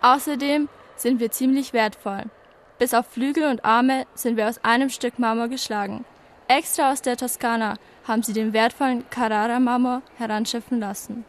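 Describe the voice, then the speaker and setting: A woman's voice: fairly high pitch, steady tone, moderate pace, close to an everyday voice. A woman playing a proud marble statue of a victory goddess, explaining things matter-of-factly in an educational audio drama.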